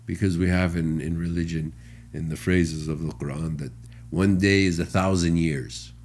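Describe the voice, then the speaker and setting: A middle-aged man from Saudi Arabia speaks in a low voice as a podcast guest. He explains his ideas through stories and laughs often, in an easy conversational tone. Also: fairly even intonation, moderate pace, a little mellow.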